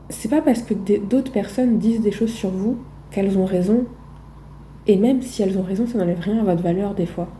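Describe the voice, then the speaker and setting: Woman vlogger, very mellow dark tone, loud-spoken, emphatic questions, phone camera. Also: mid-range voice, slight background noise. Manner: emphatic rhetorical questions, frequent hesitations. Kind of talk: casual monologue to camera.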